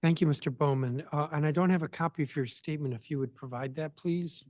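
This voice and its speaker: Brisk man chairing a hearing. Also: a little high, a little mellow, no echo, clean studio sound. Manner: brisk and formal, calling witnesses.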